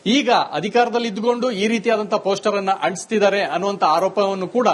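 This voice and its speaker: A male political reporter on a live link, with a clearly high voice. He talks steadily and at length, filling gaps with hesitant sounds as he lays out the story. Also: steady tone, quick pace. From Karnataka, India. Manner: fluent reporting with frequent hesitation fillers. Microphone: phone or remote live link.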